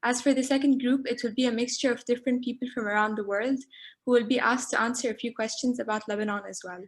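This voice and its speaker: Woman interviewer, brisk direct questions, fairly high pitch. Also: fairly even intonation.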